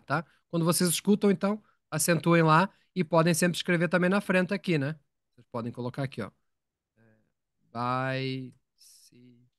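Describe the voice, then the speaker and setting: A man's voice: on the high side, a bit bright, no echo, studio quality. A man teaching English in a live online lesson, explaining patiently, repeating words and asking his students questions.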